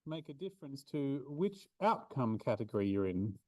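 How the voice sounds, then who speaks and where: A man's voice: medium pitch, sing-song, normal speed, warm tone, dry recording. A man giving a revision seminar to statistics students, talking casually with many ums and restarts. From Australia. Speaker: maths tutor. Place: university classroom.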